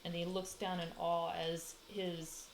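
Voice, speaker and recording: A woman narrating as game master of a tabletop game, relaxed, with frequent ums. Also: on the low side, unhurried, vocal fry, reverberant, a little hiss or hum, rough recording.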